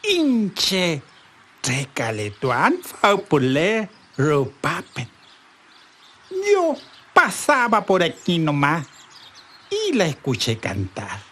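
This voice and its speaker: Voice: medium pitch, wildly swooping pitch, fairly bright tone, slightly rough, full character voice. Narrator doing a sly, yearning male fox. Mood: sheepish. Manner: drawn-out, slow, crooning delivery. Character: sly lovelorn male fox who envies birdsong.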